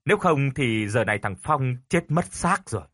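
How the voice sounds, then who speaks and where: Narrator doing a wide-eyed village elder; husky, lively. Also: male voice, medium pitch, normal speed, dry recording, studio quality. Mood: relieved.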